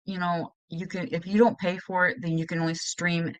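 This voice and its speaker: A woman's voice: on the low side, level tone, normal speed, dry recording, rough recording. A woman hosting a casual live stream, chatting in a scattered way and greeting viewers as hun.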